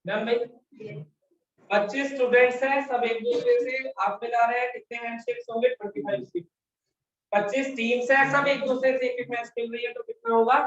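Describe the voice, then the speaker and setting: Very animated and fairly quick, a male math teacher with an extremely high, fairly bright voice lectures his classroom. He keeps repeating questions and prompting students to answer. It's recorded from a distance in an echoey room, sounding dull and lo-fi.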